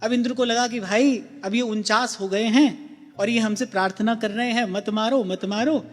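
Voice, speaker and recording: A man giving a gentle devotional discourse, often repeating himself and putting questions to his listeners. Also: extremely high pitch, fairly even intonation, moderate pace. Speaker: spiritual discourse speaker. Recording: long hall reverb with faint music.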